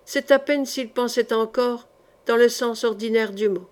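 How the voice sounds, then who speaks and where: A woman narrating a historical novel as an audiobook, measured and expressive. Her voice sits a little high, clear and steady over long passages. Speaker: audiobook reader. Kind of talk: reading a historical novel aloud.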